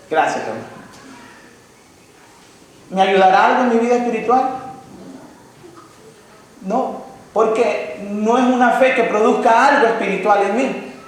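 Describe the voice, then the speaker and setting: A male pastor preaching a sermon with passion, asking his congregation rhetorical questions. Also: high voice. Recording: very echoey hall with faint noise.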